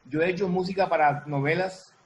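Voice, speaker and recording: There's a little hiss or hum as this interview guest, a music producer and sound designer, explains what he does in a relaxed way. His voice sits on the high side with a steady tone, and he stops and starts, restating his points.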